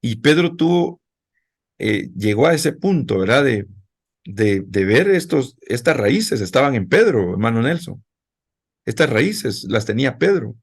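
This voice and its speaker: A man's voice: medium pitch, very animated, unhurried, breathy edge. A male pastor preaching a sermon in a conversational way, speaking directly to his congregation.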